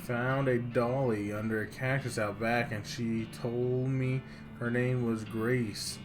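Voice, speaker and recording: A man's voice: mid-range voice, level tone, takes it slowly, natural voice. A naive, uneasy little frontier girl tells her diary in folksy, childlike words, read out by a man. It is game storytelling with music behind it. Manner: plain childlike phrasing, read aloud.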